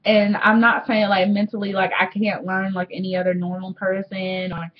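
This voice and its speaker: An eighteen-year-old vlogger speaks at normal speed in a mid-range, fairly flat voice, recorded through slightly dull webcam audio with a little hiss or hum. At home, she rambles candidly to the camera in a casual diary vlog, swearing freely.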